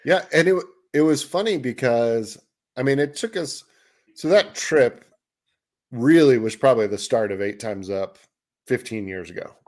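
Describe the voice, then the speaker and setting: A man's voice: mid-range voice, moderate pace. A man co-hosting a fishing show, telling a story casually and acting out what people said. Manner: animated storyteller, acts out quotes, laughs while telling. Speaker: podcast co-host.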